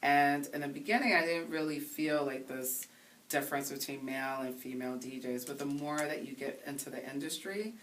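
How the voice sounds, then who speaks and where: A woman in her thirties, a DJ from Haiti, talking earnestly in a casual interview and pausing to find her words. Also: low voice, fairly bright tone. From Haiti, raised in the Bronx. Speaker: interview guest. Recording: voice somewhat distant from the mic, faint hiss.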